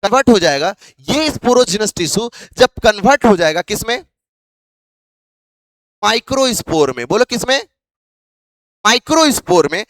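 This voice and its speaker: A man's voice: sits high, expressive, moderate pace, long pauses, fairly bright tone, no room sound. A male biology teacher lecturing a class, asking questions over and over to drill his students.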